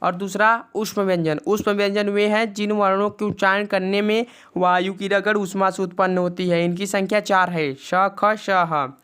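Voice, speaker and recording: A woman's voice: mid-range voice, fairly even intonation, a bit bright, clear, resonant tone. Woman teacher. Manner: recites letter lists slowly and repeats rules. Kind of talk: recapping a grammar lesson.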